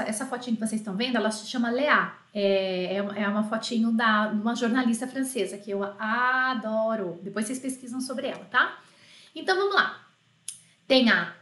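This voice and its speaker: A woman's voice: on the high side, a bit bright. A woman teaching an online French lesson, coaxing her students and drilling phrases by repetition. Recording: roomy echo.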